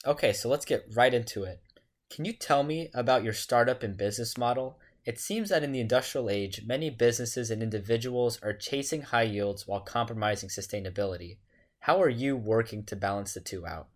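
A man's voice: medium pitch, a little fast. A man hosting an interview podcast, reading his introductions and questions from a script. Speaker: podcast host.

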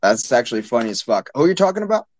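Animated young New York man. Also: medium pitch, very fast. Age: 20s. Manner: animated, swears, jokes around. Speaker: host. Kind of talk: casual crypto chat show.

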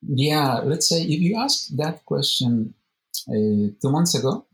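A man's voice: medium pitch, very animated, takes it slowly, low-quality recording. Man musing as an interview guest. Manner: thoughtful, repeats words while searching for phrasing. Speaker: meetup organizer, interview guest. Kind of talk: casual interview conversation.

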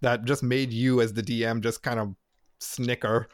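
A man co-hosting a podcast as a player, talking in a rambling, halting way. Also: medium pitch, level tone, no room sound. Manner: rambling, halting, searches for words. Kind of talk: casual podcast chat.

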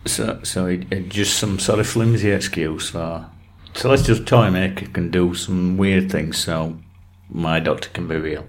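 A man co-hosting a podcast in casual chat, with deadpan, playfully obtuse jokes. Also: low voice, measured pace, hardly any pauses, slight background noise. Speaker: podcast co-host.

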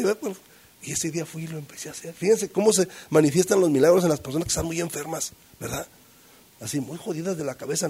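A man's voice: dark tone, husky. A middle-aged man tells a group his recovery story in a rambling way, full of fillers and tag questions, acting out the voices of people he quotes. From Mexico. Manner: acts out quoted voices with pitch jumps. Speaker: recovery group member sharing testimony. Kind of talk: personal testimony to a group.

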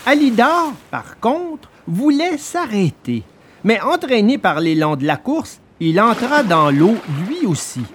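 A man narrating a children's story in an expressive, dramatic storytelling manner. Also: high-pitched, slight background noise.

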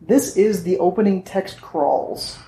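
A woman's voice: medium pitch, takes it slowly, mellow, roomy sound. A woman co-hosting a comedy podcast, leading casual banter with her co-hosts. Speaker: podcast co-host.

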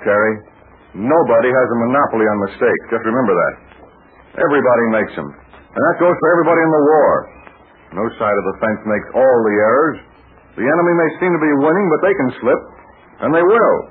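An actor playing a reassuring, slangy American adventurer and mentor with a firm manner, in 1940s radio acting. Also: male voice, medium pitch, animated, quick pace, lightly acted. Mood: firm encouragement. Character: plain-spoken, reassuring grown American male adventurer and mentor. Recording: tinny, noisy 1940s radio recording.

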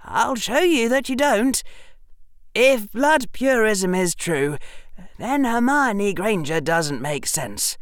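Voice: mid-range voice, animated, takes it slowly, clean tone, no room sound, clean studio sound, voice pushed up. Reader voicing a pressing, earnest wizard boy. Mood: persuasive. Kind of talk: audiobook character reading.

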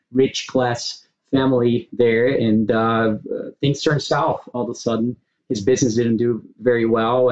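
A man from Brazil, a portfolio manager, answering interview questions in a halting way with many fillers and restarts. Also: medium pitch. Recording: dull lo-fi remote audio.

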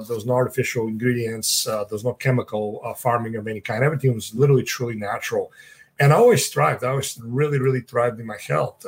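A man in his thirties from Bulgaria, speaking with a Bulgarian accent as a podcast guest, halting and full of uhs. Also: medium pitch, breathy edge. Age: 30s. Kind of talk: casual interview talk.

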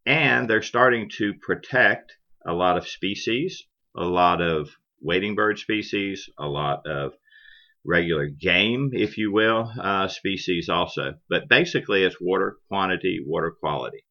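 A middle-aged or older man from Florida, a cattle rancher, explaining things conversationally in a plain-spoken, measured interview style. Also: low-pitched, vocal fry. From Florida, United States. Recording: dull lo-fi podcast audio.

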